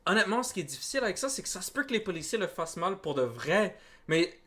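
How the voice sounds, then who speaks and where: A man chats through a reaction video, loose and slangy, dropping English phrases. His voice is fairly high and bright. His pitch swings a lot as he talks. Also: fast. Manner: animated, slangy, mixes English into French. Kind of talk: casual reaction chat.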